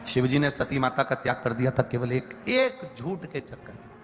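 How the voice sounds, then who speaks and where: A man's voice: medium pitch, lively intonation, moderate pace, soft background music. A man giving a devotional sermon, preaching emphatically in long repeated lists with rising stressed lines. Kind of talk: Hindi religious discourse. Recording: reverberant hall with faint ambient noise.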